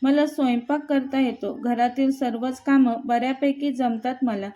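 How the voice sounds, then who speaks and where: A woman's voice: sits high, steady tone, moderate pace, dark tone, close to an everyday voice. A woman voicing a shy young woman who speaks meekly and apologetically in a storybook reading. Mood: apologetic. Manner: meek, apologetic.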